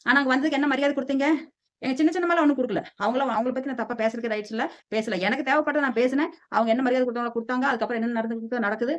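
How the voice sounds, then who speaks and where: A woman's voice: high-pitched, racing. A middle-aged woman vlogger from southern India, scolding and defiant as she rants to the camera about family gossip. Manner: heated, defiant, scolding, repeats "சரியா?". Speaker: lifestyle vlogger. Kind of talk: angry personal rant to camera. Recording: dull lo-fi audio.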